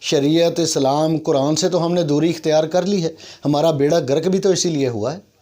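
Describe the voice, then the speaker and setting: A male YouTube commentator with a Pakistani accent gives an emphatic, complaining monologue about civic issues, earnest and full of rhetorical repeats. His slightly high voice has a darkish tone and a normal speed.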